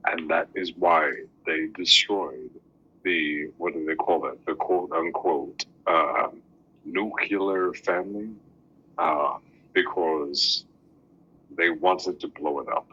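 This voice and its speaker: A very deep man with a husky yet sharply bright edge rants slowly and emphatically in a casual podcast chat. His audio sounds dull and lo-fi. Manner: emphatic, ranting. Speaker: podcast participant. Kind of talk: casual group discussion.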